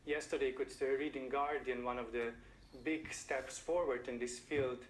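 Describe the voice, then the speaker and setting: A male scientist with a Slovenian accent gives interview answers at a medium pitch. He phrases things thoughtfully and haltingly. The recording is roomy and echoey, with faint ambient noise. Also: fairly even intonation.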